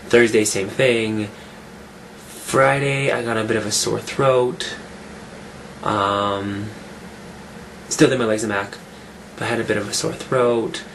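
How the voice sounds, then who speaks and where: Getting over a cold, this male fitness vlogger speaks slowly in a low, roughened voice for his casual weekly update vlog. His rambling keeps doubling back to restart sentences, and the low-quality recording carries a steady hiss.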